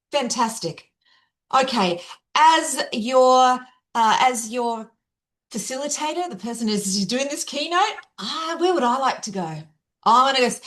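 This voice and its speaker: Lively woman keynote speaker. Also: on the high side. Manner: chatty, upbeat, addresses the audience directly. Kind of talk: interactive online workshop presentation. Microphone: video call.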